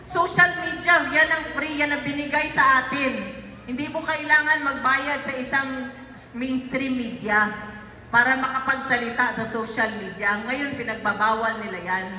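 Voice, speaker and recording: Tearful, halting woman in echoey hall. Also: high-pitched, bright, forceful tone, distant mic, slight background noise. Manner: halting, with many restarts and fillers. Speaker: speaker addressing a gathering. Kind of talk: emotional personal storytelling speech. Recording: echoey hall, voice picked up from afar.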